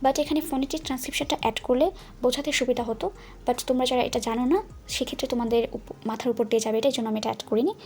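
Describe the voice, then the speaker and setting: High-voiced woman teaching pronunciation. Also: steady tone, darkish tone. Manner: patient, repeats words slowly for learners. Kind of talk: explanatory language lesson.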